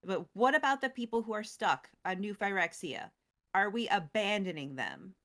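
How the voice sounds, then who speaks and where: A woman co-host recapping a story in casual chat, animated and full of fillers. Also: medium pitch, normal speed.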